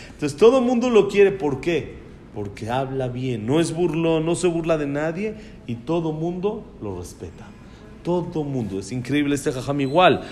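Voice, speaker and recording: A man's voice: fairly high pitch, darkish tone. A man giving an informal Torah class, speaking in an admiring way that repeats phrases and often restarts.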